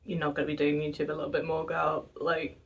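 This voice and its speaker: 19 y/o girl vlogging, chatty and self-deprecating, lowish voice, mic a bit far off. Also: completely flat delivery, fast, muffled recording. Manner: chatty, self-mocking, laughs often. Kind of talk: casual vlog chat.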